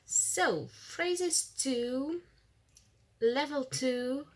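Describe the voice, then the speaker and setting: A woman's voice: high-pitched, very slow. A woman with a Russian accent, a native Russian speaker, teaching a beginner lesson, patiently repeating phrases and explaining them step by step. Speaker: language teacher. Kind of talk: screen-recorded app walkthrough lesson.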